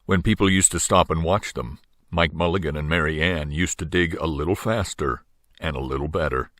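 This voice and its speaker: A man's voice: extremely low pitch, normal speed, fairly bright tone, no room sound, studio quality. An older man reading a children's story aloud as a narrator. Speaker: storybook reader.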